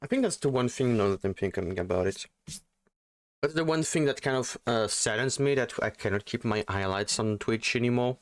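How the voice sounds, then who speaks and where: A man's voice: mid-range voice, brisk, dry recording, studio quality. A man streaming from home into a desktop USB mic, chatting casually in a rambling, self-deprecating way full of fillers. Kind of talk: casual livestream chat.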